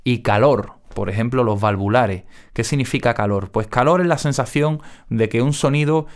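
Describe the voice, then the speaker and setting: A man teaching audio mixing in a casual spoken tutorial, with crisp careful diction and frequent check-ins with the listener. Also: medium pitch, moderate pace.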